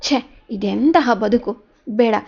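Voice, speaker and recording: A woman's voice: on the high side, takes it slowly, husky, muffled recording, full character voice. A woman voicing a grieving young wife who pleads in tearful outbursts. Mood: despairing.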